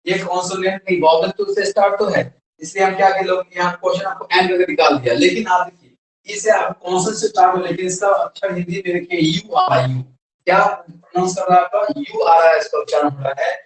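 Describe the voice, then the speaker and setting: A man's voice: high-pitched, brisk. A man with an Indian accent, an English teacher, giving a classroom grammar lesson and answering his own questions. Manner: asks questions and answers them himself. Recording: very echoey room, voice from far off.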